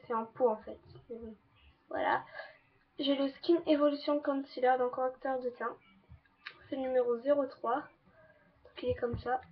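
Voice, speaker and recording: A woman's voice: sits high, breathy edge, lo-fi sound. A teenage girl casually reviewing her makeup, chatty and repetitive, filling her talk with little stock phrases. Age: teens. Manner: chatty, repeats "donc voilà" and "trop, trop bien". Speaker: beauty vlogger. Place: bedroom with a fan running.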